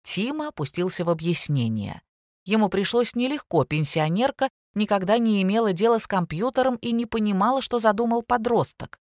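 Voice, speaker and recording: A woman narrating an audiobook in a lively, wry storytelling manner. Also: medium pitch, a little fast, no echo, studio quality. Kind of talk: audiobook reading.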